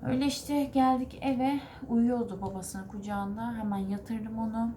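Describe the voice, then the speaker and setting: A woman's voice: a little high, steady tone, a little slow, warm tone, slight background noise. A woman vlogger and mother talking to the camera, telling a story in a rambling, earnest way and correcting herself as she goes. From Turkey. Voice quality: rambling, self-correcting recounting.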